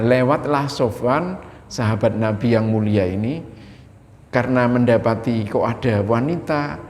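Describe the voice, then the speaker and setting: Slow preacher, echoing hall. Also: male voice, medium pitch. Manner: animated, folksy, addresses the congregation directly. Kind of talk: sermon. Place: mosque hall. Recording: long echo of a mosque hall.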